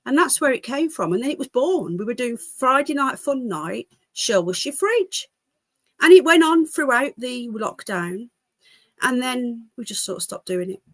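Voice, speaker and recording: A livestream host, this British woman has a slightly high, congested voice that is expressive and moves at normal speed. In a dry recording, she chats to viewers in a rambling, easily distracted manner, jumping between asides.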